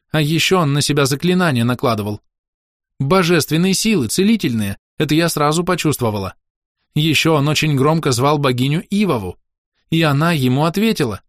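A man's voice: fairly high pitch, animated, a little fast, dry recording, studio quality, voice pushed up, close to an everyday voice. A man voicing a blunt, chatty young girl, the narrator's daughter, telling what she saw in a childlike way. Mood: cheeky.

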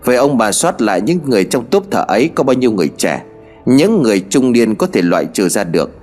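A man voicing a stern village sorcerer who speaks in a slow, grave and knowing way, in a spoken horror story. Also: medium pitch, very animated, a little mellow, faint music behind, lightly acted.

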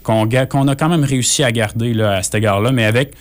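A man with a Québécois French accent talks through politics in a casual discussion, explaining in a measured, hesitant way. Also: mid-range voice. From Quebec, Canada.

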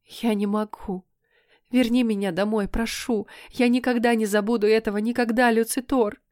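A woman's voice: on the high side, fairly even intonation, moderate pace, darkish tone, no echo, studio quality, lightly acted. A woman voicing a distraught young heroine in a storybook reading, her voice shaky and pleading. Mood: tearful.

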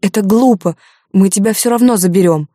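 A woman's voice: medium pitch, little pitch movement, brisk, dark tone, dry recording, clean studio sound, lightly acted. A woman reading the part of a desperate middle-aged mother in an audiobook, confessing and pleading. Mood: furious shouting. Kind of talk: audiobook character voice.

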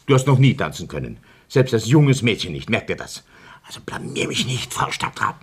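A man's voice: on the low side, sing-song, brisk, darkish tone, roomy sound. An actor playing a pompous middle-aged town councillor who bosses his wife and makes lofty speeches. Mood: mocking. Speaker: town councillor at a party rally. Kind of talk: period film acting.

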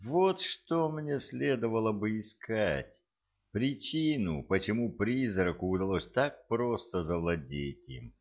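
A man voicing an irritable, excitable male private detective who talks in a snappish, agitated way. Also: lowish voice, slow pace, lo-fi sound. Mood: urgent.

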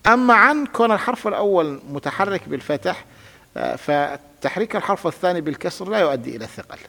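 A man's voice: sits high, expressive, fast, vocal fry, bright, forceful tone. A man teaching a classical grammar lesson, patiently explaining step by step and having his student repeat words. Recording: reverberant room with long echo.

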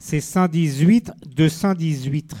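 Give me a man with a high voice, reading listener jokes hesitantly. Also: slow, mellow. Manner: hesitant, stumbles over set-ups. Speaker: podcast co-host. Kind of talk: casual joke-telling chat.

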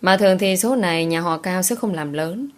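A woman narrating a romance novel as an audiobook in an even storytelling manner. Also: fairly low pitch, moderate pace.

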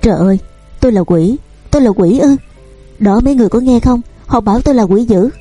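A woman's voice: a little high, fast, mellow, slightly rough, faint music behind. A woman reading the part of a desperate, disfigured young man who pleads in anguish.

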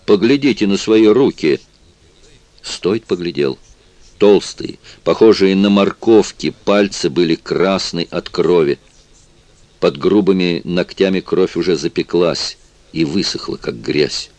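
A man narrating a novel with a steady, expressive reading. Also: sits low, a little slow, no room sound. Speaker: audiobook narrator. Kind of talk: scripted narration.

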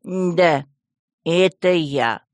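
A man's voice: a little high, no room sound. A man voicing a grumbling old talking skull. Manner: grumbling, slow and pompous. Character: grumpy old male wizard's talking skull.

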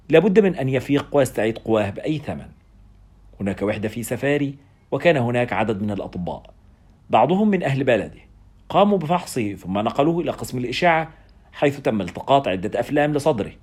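Husky fast-talking male storyteller. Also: mid-range voice, sing-song, darkish tone. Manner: dramatic storytelling, first person. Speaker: narrator. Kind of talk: audiobook narration.

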